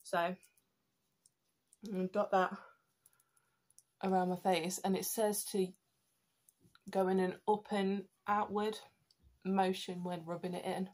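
A woman's voice: mid-range voice, little pitch movement, slow, long pauses, a little mellow. Stuffy-nosed British woman chatting skincare. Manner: chatty, many ums and restarts. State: stuffy nose. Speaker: beauty vlogger. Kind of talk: casual skincare tutorial. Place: at home.

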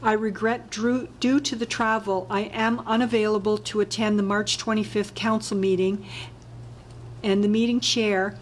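A woman chairs a town council meeting, talking through the agenda in a relaxed, halting way full of fillers and restarts. Her voice sits in a middle pitch. A faint hiss runs under the recording. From Canada. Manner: hesitant, many fillers, chatty aside. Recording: faint noise, council chamber.

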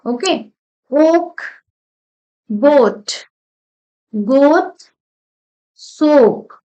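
A woman teaching English pronunciation, saying words one at a time in slow, deliberate drills with short explanations. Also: high voice, lively intonation, warm tone, dull audio. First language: Marathi. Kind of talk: pronunciation lesson reading word lists.

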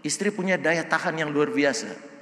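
An older male pastor preaching a sermon in a church, loud and joking, often asking the congregation questions. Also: a little high, normal speed, slight background noise. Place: church sanctuary. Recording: long church hall reverb.

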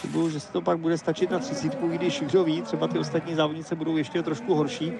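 A man giving live, measured ski race commentary, analytical and hesitating now and then. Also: on the high side, level tone, vocal fry.

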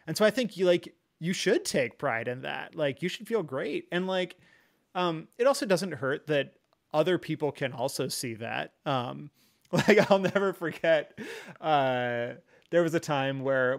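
With a medium pitch and noticeable vocal fry, a man recounts a personal story as a podcast guest in candid conversation. He is earnest and reflective but rambling, peppering his speech with "like" and "you know."

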